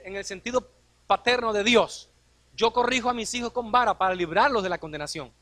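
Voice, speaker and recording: A man's voice: extremely high pitch, sharp tone, dry recording. A man preaching a sermon as a pastor, posing rhetorical questions and acting out quoted dialogue.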